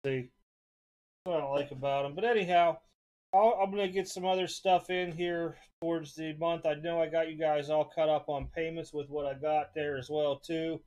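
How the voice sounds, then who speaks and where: A young adult man chats casually at a desk, voice sitting a bit high for a man. He reels off card names in loose, quick lists, offhand and unhurried between items, like a host previewing his own stock. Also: fairly even intonation, a little mellow. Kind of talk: casual live-stream chat. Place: indoor desk with card displays, off camera.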